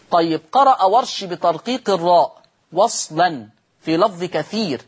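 This man's voice sits high and carries a breathy edge. Speaking with an Egyptian Arabic accent, he teaches Quran recitation rules on TV, explaining each step and then answering his own questions.

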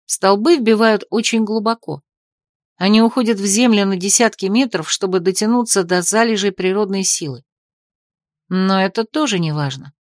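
A woman narrating a romantic fantasy audiobook in the first person, with a wry, expressive reading. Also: mid-range voice, moderate pace, no echo, studio quality.

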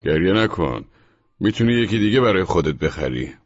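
A man's voice: low voice, in a large hall, lo-fi sound. A man voicing a male driver who wheezes with laughter and taunts his passenger in an audiobook. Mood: taunting.

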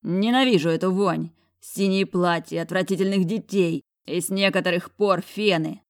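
A woman's voice: on the low side, moderate pace, lightly acted. A woman voicing a rude, hulking grown man who growls and sneers in an audiobook. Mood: scornful.

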